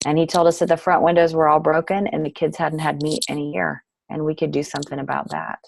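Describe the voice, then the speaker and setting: A woman's voice: low voice, little pitch movement, fast talker, vocal fry, a little mellow, a little hiss or hum, poor audio. A middle-aged woman, a nonprofit director, telling her story earnestly as an interview guest.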